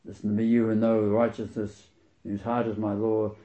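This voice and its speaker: A man's voice: lowish voice, monotone, mellow. Emphatic male preacher on a dull recording. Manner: emphatic, slows down to stress key words; reads scripture aloud and comments on it. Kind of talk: sermon.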